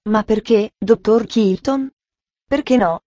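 An eager little girl pleads in a soft, earnest voice, put on by a woman reading a storybook. The tone is mellow and warm, and the sound is close and dry with no room around it. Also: fairly high pitch, slow pace, no room sound, highs cut off. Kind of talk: audiobook reading.

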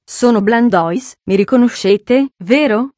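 A loud, sinister Frenchman, as a woman reads him in a storybook. He drawls his words out slowly and theatrically, mocking everyone around him. The sound is dry and close. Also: on the high side, no echo.

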